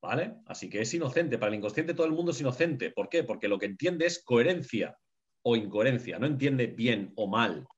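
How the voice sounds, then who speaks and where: A man's voice: medium pitch, expressive, fairly quick. A man giving an emphatic teaching talk to a group, repeating key phrases and often checking in with his listeners. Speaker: lecturer on the unconscious. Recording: dull lo-fi recording.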